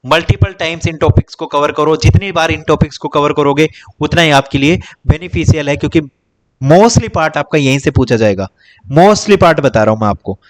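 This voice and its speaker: A man's voice: on the high side, brisk. A young man teaching exam topics in a casual lecture, repeating points and calling viewers "bhai" as he lists and counts. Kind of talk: casual Hindi-English exam coaching lecture.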